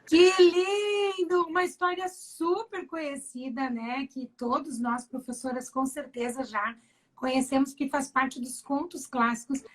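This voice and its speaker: A woman with a high voice hosts a casual live interview. She talks with enthusiasm and often tacks a quick question onto the end of her sentences. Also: fairly bright tone, slight background noise, low-quality recording. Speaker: host of a live stream for teachers.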